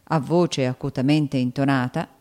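A woman calmly reading a classic novel aloud. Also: a bass voice, moderate pace. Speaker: audiobook narrator. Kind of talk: scripted literary narration.

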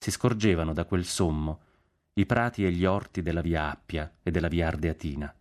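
Deep-voiced man reading a novel. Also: moderate pace, darkish tone. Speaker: audiobook narrator. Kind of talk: literary audiobook narration.

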